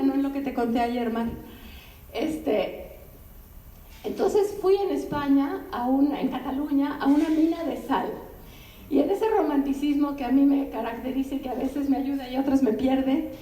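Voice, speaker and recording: Older woman, translator giving a talk, animated storytelling, high-pitched, recorded from a distance in a roomy bookstore. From Mexico. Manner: animated, conversational storytelling with asides to the audience. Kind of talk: anecdotal public talk. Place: bookstore event room. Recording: roomy, distant, faint ambient noise.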